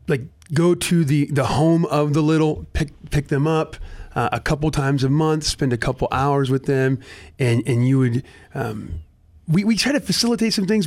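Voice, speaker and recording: A man's voice: a little high, a little mellow. Earnest man talking casually. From United States. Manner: earnest, many restarts. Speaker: nonprofit director, guest. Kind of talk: casual radio talk.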